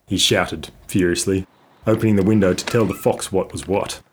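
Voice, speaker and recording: A man reading a children's storybook aloud in a measured, expressive way. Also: sits low, noisy background. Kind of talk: scripted storybook narration. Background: guitar music.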